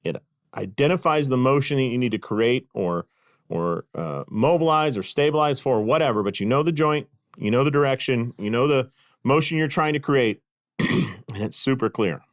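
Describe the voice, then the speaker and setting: A middle-aged man hosts his podcast and tells stories in a casual, self-deprecating way, full of fillers and restarts. His voice sits at an ordinary pitch and comes across close and dry on the microphone. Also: normal speed, no echo. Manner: animated, self-deprecating storyteller with frequent fillers. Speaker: podcast host and clinic consultant. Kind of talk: casual storytelling monologue.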